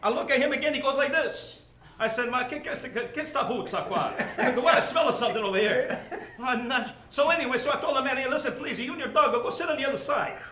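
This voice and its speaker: Brief: man voicing an accordion man, high bright tone, laughs through stories, roomy stage. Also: quick pace. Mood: joking. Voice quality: broken English, chuckling storyteller. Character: talkative older Italian male accordion player. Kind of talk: comic monologue.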